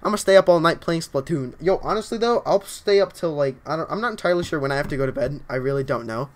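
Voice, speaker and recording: A young man streaming a video game live, chatting casually and excitedly with his viewers as he reads their messages. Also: a little high, quick pace. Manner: excitable, upbeat, often starts lines with "yo, honestly". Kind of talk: casual livestream chat while reading viewer comments.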